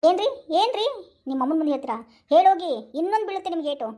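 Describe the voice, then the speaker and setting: A woman's voice: very high-pitched, lively intonation, very fast, mellow, slight background noise. A woman voicing a bossy, wheedling cartoon wife. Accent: North Karnataka Kannada. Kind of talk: cartoon voice acting.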